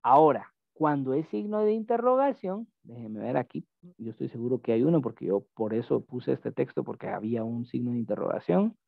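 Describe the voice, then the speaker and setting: A man's voice: medium pitch, sing-song, brisk, vocal fry, dry recording. A man teaching a Greek lesson in an online class, patient and explanatory, often checking that his student follows. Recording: tinny phone-like call audio.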